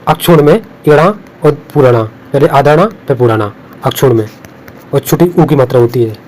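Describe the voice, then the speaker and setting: A man's voice: mid-range voice, moderate pace, a little mellow, slight background noise, poor audio. A man teaching Hindi spelling for exams, repeating each word and warning what will be marked wrong. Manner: repetitive, drills words and warns of exam traps. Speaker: Hindi exam tutor. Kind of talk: spelling lesson over on-screen notes.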